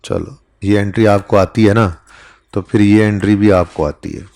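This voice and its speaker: A man teaches an accounting class in a relaxed, conversational way. His voice sits a little on the low side. He keeps pausing to ask the students whether they are following. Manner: conversational, keeps checking in with "ठीक है?". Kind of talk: classroom lecture.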